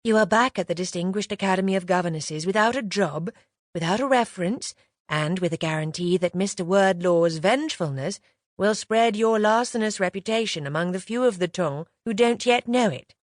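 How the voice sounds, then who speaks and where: A woman playing a soft, husky, poised headmistress. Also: medium pitch, moderate pace, no echo, clean studio sound, lightly acted. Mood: reproving.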